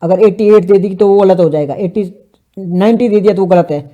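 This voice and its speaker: A man's voice: high voice, a little fast, dark tone, highs cut off. A man giving a casual current affairs lesson for exam students, mixing English terms into his talk and asking and answering his own questions. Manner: mixes English terms into Hindi. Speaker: exam prep teacher.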